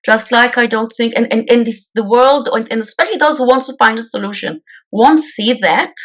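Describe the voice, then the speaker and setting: This is a fairly high-pitched woman from Israel, talking fairly quickly in an Israeli accent. A peace activist appearing as an interview guest, she is blunt and emphatic and tends to repeat words.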